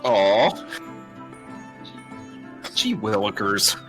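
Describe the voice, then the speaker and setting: A man's voice: on the low side, big pitch swings, drawn-out words, over music. A man chatting casually as he plays a video game and voices its characters. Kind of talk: casual chat during gameplay.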